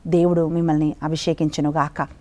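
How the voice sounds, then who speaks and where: A woman's voice: deep voice, flat delivery, brisk, darkish tone, lo-fi sound. A middle-aged woman preacher giving a sermon and leading a fervent, pleading spoken prayer. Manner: fervent, pleading prayer with repeated address to God.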